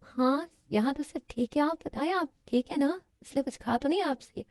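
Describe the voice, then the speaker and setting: A woman's voice: high-pitched, moderate pace, a little mellow, no echo, clean studio sound, voice pushed up, natural voice. A woman dubbing a worried young woman who asks anxious questions. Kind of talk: fan Hindi dub of a love story.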